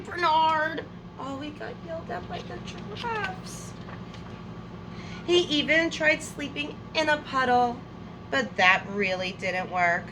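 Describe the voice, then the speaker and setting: A woman with a high voice hosts a storytime for young children, reading a picture book aloud with lots of expression and drawn-out words. She makes friendly asides and addresses her listeners as friends. The background is noisy.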